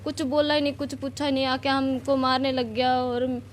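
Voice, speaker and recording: A woman's voice: high voice, completely flat delivery, moderate pace, slight background noise. A woman from Nepal giving shaken, rambling answers in a news interview about an attack. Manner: rambling, shaken, plain retelling. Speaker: interviewee, assault victim.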